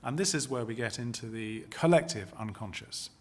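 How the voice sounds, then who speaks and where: Man, philosopher type, calm lecturing delivery, mid-pitched voice. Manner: measured, lecturing, builds arguments step by step. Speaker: philosopher being interviewed. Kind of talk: explanatory talk to camera.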